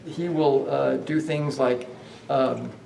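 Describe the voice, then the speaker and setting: A man's voice: medium pitch, steady tone, takes it slowly, creaky, a little mellow, far from the mic, slight background noise. A man guiding a ghost tour through a hotel, telling stories in a rambling way with many fillers and restarts. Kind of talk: guided tour storytelling. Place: hotel hallway. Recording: echoey hallway, voice off-mic.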